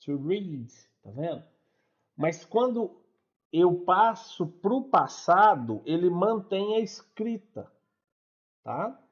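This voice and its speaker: A man's voice: high voice, big pitch swings, slow, pauses often, dull audio. A man teaching an online English class, explaining step by step in a chatty way and checking in with his students.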